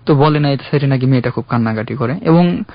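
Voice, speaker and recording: A man's voice: mid-range voice, fast talker, no room sound. Young man earnestly telling his story. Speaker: caller. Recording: dull, dry radio studio sound.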